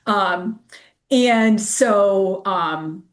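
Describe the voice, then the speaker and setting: Drawing out her words in a medium-pitched voice, a woman guest who directs races shares a laid-back story. She leans on "like" throughout and acts out the voices of the people she quotes.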